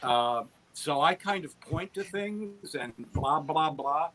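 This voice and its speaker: Speaking slowly but expressively, the middle-aged guest, an audio drama producer, uses a fairly high, pushed, bright voice. He rambles through enthusiastic, self-mocking stories in a conversational online interview, with slight background noise and poor audio quality.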